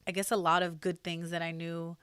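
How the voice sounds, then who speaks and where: Young podcast guest from New Jersey, rambling and chatty, clear smooth tone. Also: female voice, on the low side, little pitch movement, brisk, fairly bright tone, no room sound, studio quality. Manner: chatty, many fillers and restarts. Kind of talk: casual interview conversation.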